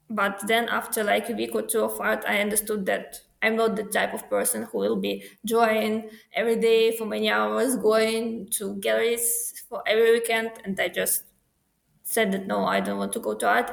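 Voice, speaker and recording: Young ukrainian woman, bit of vocal fry, pauses and restarts, echoey room. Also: mid-range voice. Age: young adult. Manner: thoughtful, halting non-native phrasing. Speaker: guest. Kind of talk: casual interview answers.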